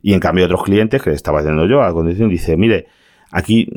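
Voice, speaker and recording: Deep-voiced waiter telling anecdotes. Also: male voice, rapid-fire. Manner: animated storytelling with sound effects. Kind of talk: casual anecdote to viewers.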